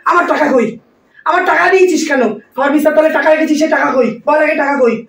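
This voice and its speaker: A woman playing a loud, quarrelsome mother-in-law who scolds and accuses, in a comic family skit. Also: high voice, fast talker. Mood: accusing. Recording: echoey room, voice from a distance.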